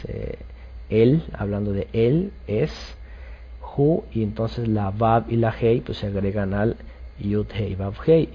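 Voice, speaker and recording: Man, bible teacher, lecture, husky, low, hesitant fillers, lo-fi recording. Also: dark tone. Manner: explanatory, frequent "ok?" checks and hesitations.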